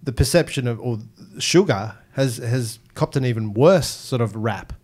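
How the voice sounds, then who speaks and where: A man's voice: mid-range voice, expressive, normal speed, darkish tone, husky. A man chatting and bantering as a podcast co-host, close on a studio mic. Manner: jokey, questioning. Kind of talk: casual bantering chat. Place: small indoor podcast studio. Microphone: close boom-arm studio mic with headset.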